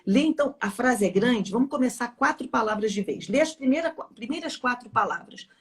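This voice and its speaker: Woman, educator guest, fairly high voice, emphatic storyteller. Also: animated, a little fast. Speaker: guest educator, former school teacher. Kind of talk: casual live chat.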